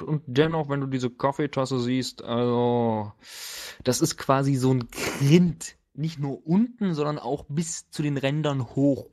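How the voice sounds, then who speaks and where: A man serving as game master narrates and banters casually during a tabletop game, his phrasing halting and hesitant. His voice is mid-range and a little mellow.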